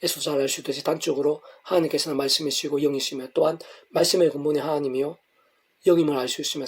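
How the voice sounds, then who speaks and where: A man's voice: fairly high pitch, breathy edge. A middle-aged man pastor reading a devotional sermon in long, flowing, earnest sentences.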